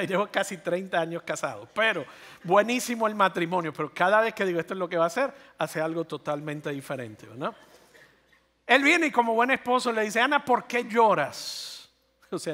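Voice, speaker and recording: A man in his fifties preaching a sermon as pastor, animated and putting rhetorical questions to his listeners. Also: sits high. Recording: long hall reverb.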